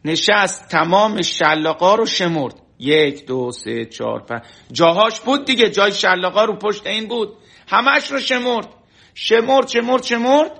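A man teaching a religious lesson through a story, telling it lively and acting out the voices of the people in it. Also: high-pitched, husky. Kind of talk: storytelling sermon. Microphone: online class stream.

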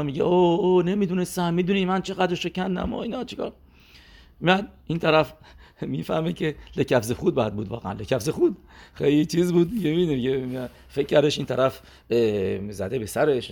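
A man's voice: a little high, gravelly, darkish tone. A man teaching a religious class, telling an anecdote in a conversational way with fillers and restarts, acting out the quoted lines.

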